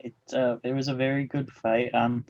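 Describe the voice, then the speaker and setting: A man's voice: mid-range voice, level tone, normal speed, darkish tone, no room sound. Dull lo-fi male co-host, chatting informally. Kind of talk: casual chat.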